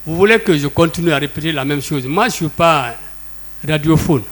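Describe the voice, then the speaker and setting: A man testifying in court, his voice sitting high. He pushes back hard, talks over the questioner and sounds a bit short of breath. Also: a little fast, a bit bright. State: slightly out of breath. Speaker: trade union leader testifying in court.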